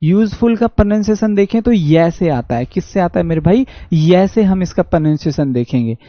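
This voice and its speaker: Reading sentences slowly and answering his own questions, a Haryanvi-accented man runs an online English class for exam prep. He sounds high-pitched and animated, captured in dull, dry, lo-fi audio without echo.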